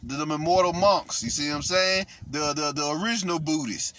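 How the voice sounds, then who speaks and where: Guy rambling casual commentary, bright edgy voice, keeps restarting, swears a lot. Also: a little high, a little fast. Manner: rambling, profane, frequent restarts, "see what I'm saying". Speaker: host.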